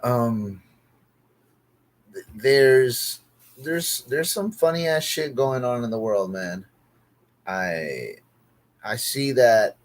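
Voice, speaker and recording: A man talking alone to a livestream at a middle pitch, swearing freely and circling back over the same complaints. His griping is exasperated and repetitive, a loose casual rant. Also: lively intonation, very slow, pauses often. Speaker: comedian streaming alone.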